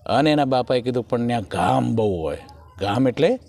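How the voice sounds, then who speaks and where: A man's voice: medium pitch, normal speed. A man with a Kathiyawadi Gujarati accent doing stand-up folk comedy, acting out the characters in his jokes. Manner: animated joke-telling, acting out characters' lines.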